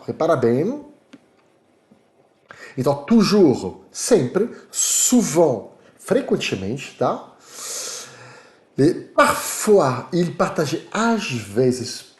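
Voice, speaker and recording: A native French man with a French accent teaches in an animated, lively voice that sits a little high. The sound carries a noticeable room echo. He checks in constantly with his students as he explains. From Paris, France. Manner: animated, repeats "tá?" to check understanding. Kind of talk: online language lesson.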